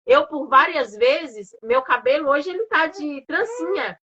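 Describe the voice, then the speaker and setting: A woman's voice: high voice, expressive, a little slow, dull audio, crowd noise. A woman hosting a live stream, telling earnest personal stories in a casual faith-based talk.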